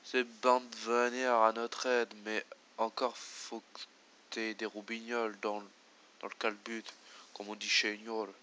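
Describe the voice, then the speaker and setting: A rustic old farmer who now breeds horses, voiced by a man, talking loudly in a folksy, bumbling way. The voice sits fairly low but rings bright and edgy. He is a game villager asking for a favour. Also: completely flat delivery, unhurried, slight background noise. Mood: earnest pleading. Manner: loud, folksy, bumbling speech.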